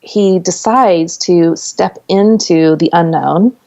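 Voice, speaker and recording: Earnest woman guest on a podcast, low gravelly voice, muffled lo-fi sound. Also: slow, warm tone. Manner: earnest, explains with stories and examples. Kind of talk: conversational interview.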